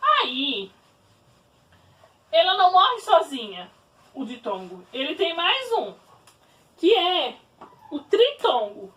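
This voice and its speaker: A woman teaching grammar in a high voice that swings up and down a lot. She stretches out key words slowly as she explains. The mic sits a bit back from her. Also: huge pitch swings, pushed and bright, far from the mic. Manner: slow, spelled-out explaining. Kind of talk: online grammar lesson.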